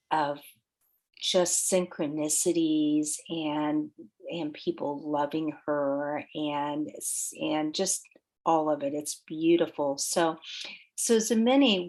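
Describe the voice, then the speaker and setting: Low-voiced woman hosting a heartfelt podcast. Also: fairly even intonation, slow. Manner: gentle, heartfelt, searching for words. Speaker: podcast host. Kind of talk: podcast intro and interview.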